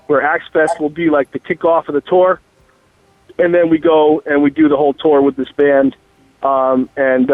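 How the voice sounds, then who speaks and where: A man's voice: a little high, no echo. A man calling in on a car speakerphone while driving, talking as a musician guest in a loose, rambling, profane way with lots of fillers. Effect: car speakerphone call. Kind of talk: casual phone interview. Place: in a moving car. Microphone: phone on speaker. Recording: tinny dry phone line.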